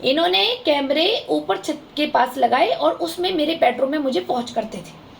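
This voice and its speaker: A woman's voice: sits high, lively intonation, moderate pace, gravelly, slight background noise. A woman vlogger speaking straight to her viewers in an aggrieved, impassioned and accusing monologue. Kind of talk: emotional vlog monologue to viewers.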